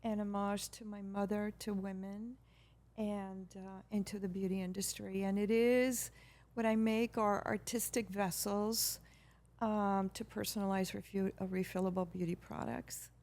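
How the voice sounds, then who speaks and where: A middle-aged woman from Peru, a guest telling her story in a measured, hesitant way with many pauses and restarts. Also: mid-range voice, little pitch movement, darkish tone. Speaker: guest, brand founder. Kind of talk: casual interview talk.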